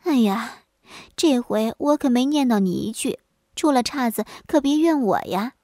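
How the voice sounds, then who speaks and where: Patient village wife pleading her case, as a storyteller does her, bright and high. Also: animated, normal speed, no room sound, clean studio sound, natural voice. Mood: aggrieved. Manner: pleading, mildly aggrieved.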